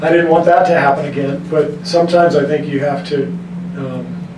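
A middle-aged man, a basketball coach, speaking at a press table in a measured, frank way with frequent restarts. His voice sits a touch high for a man and stays narrow in its range. It's caught from a distance in an echoey room with steady background noise. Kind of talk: post-game press conference answers. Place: press room in front of a team backdrop. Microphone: desk mic on a stand, recorded from the room.

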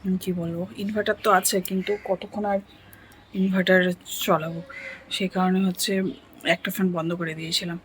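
Soft-spoken chatty woman home vlogger. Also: lowish voice, little pitch movement, a little fast, a little hiss or hum. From India. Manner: chatty, rambling with fillers; talking softly so her son can sleep. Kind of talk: casual daily vlog narration.

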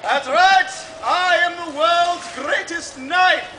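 A man performing hammy Renaissance fair comedy patter in a grandiose announcer's manner, shouting to an outdoor crowd. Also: very high-pitched, slow pace. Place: outdoor wooded fair stage with mud pit. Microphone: distant camera in the audience. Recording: noisy roomy crowd recording from the audience.

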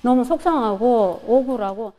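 A woman from Kyrgyzstan with a Kyrgyz accent in her Korean, giving halting interview answers through a face mask. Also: a little high, expressive, warm tone. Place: indoor cafe.

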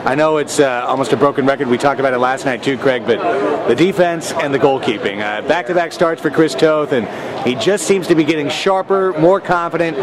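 A man's voice: a little high, brisk. Male sports reporter, crowd around. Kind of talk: postgame interviewer. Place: indoor arena. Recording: crowd noise in an arena.

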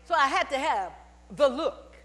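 In a large church sanctuary, an older woman in purple delivers a spoken testimony from the pulpit at a moderate pace, her voice high-pitched. Animated storytelling and calls to the congregation mark her sermon, recorded on a headset mic with long reverb and mains hum.

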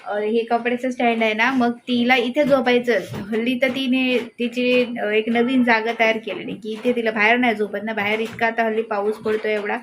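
A woman's voice: little pitch movement, normal speed, few pauses, slight background noise. A woman with a Marathi accent chatting casually to camera at home about her dog and cat, now and then scolding and coaxing them. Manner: chatty, scolds and coaxes pets in a higher playful voice. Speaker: pet vlogger. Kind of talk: casual vlog narration to camera. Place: home indoors.

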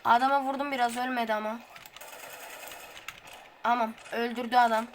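A woman, hosting a gaming video with casual gameplay commentary. She chats straight to the viewers and bursts into high, frustrated yelps. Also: steady tone, normal speed, a little hiss or hum. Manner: talks straight to viewers, colloquial.

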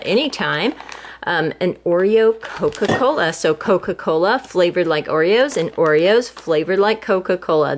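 Older grandmother vlogger, warm-natured chat about groceries and deals, relaxed home recording. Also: on the low side. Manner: chatty, homey, detailed about prices. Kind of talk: casual grocery haul narration. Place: home, at a table.

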